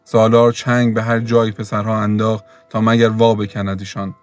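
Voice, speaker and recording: A man reading a novel aloud in steady, measured scripted narration, with faint music behind. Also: lowish voice. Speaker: audiobook narrator.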